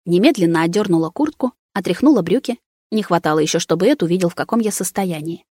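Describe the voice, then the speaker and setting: A woman's voice: lowish voice, expressive, quick pace, mellow, breathy edge, no echo, clean studio sound. A woman narrating a first-person story as an audiobook, reading every character's lines in her own voice.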